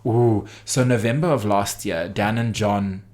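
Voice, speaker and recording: A man's voice: lowish voice, unhurried, a little mellow. Chatty gossiping man, fillers everywhere. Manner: gossipy, hesitant, many fillers. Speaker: podcast co-host. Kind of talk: casual chat.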